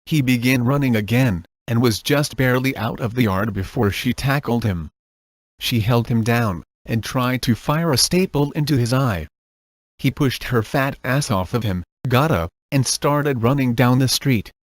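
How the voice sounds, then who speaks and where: Male narrator, mid-pitched, deadpan reading, dry close recording. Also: moderate pace, no room sound. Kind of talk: reading a comic horror story aloud.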